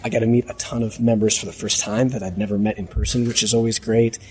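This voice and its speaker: A man with a hoarse smoker's rasp, talking as host in a casual, reflective, off-the-cuff audio diary and often repeating a phrase as he goes. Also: fairly low pitch, flat delivery, fast, darkish tone, slight background noise. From United States. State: hoarse voice from a long trip. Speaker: podcast host.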